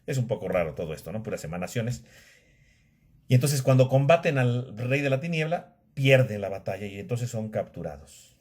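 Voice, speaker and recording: A man's voice: medium pitch, expressive, normal speed, darkish tone, husky. A man giving a casual classroom lecture, often checking in with his listeners and restarting sentences. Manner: conversational, tag questions, frequent restarts. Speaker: theology lecturer.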